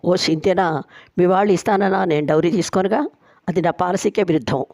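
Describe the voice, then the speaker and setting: A woman's voice: fairly low pitch, brisk, creaky, darkish tone, no echo. A woman storyteller voicing a boastful, playful young man who agrees to every condition.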